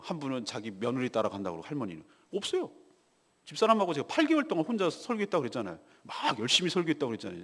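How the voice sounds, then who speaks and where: A man preaching a morning devotional sermon in a church, telling a personal story in a confessional way, dropping to a hush and then rising loud. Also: mid-range voice. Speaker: pastor. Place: church sanctuary. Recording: long reverb of a church hall.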